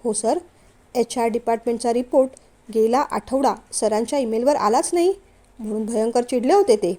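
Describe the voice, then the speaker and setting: A woman's voice: a little high, moderate pace, warm tone, natural voice. A woman voicing a dutiful older male office clerk in a storybook reading.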